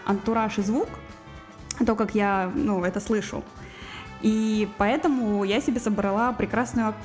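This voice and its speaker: A woman's voice: mid-range voice, a little mellow. Woman, radio guest, casual chat, hesitant, fillers and restarts, faint music behind.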